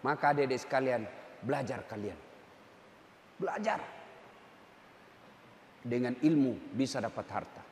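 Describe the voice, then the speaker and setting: A man preaching a humorous sermon to a crowd, joking and swinging between loud and soft. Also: medium pitch, a little slow, pauses often, slight background noise. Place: large hall with an audience. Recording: echoey hall, faint ambience.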